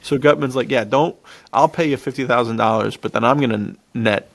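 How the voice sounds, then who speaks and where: Here his gravelly, medium-pitched voice runs a little fast, with no room sound. Co-hosting a podcast, he discusses films in a loose, slangy manner, recapping plots chattily and laughing easily.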